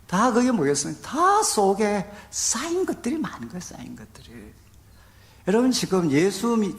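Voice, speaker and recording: A middle-aged man preaches a sermon, his pitch rising and falling in a lively, animated way. He talks to his congregation conversationally, asking them rhetorical questions and answering them himself. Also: slight background noise. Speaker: pastor.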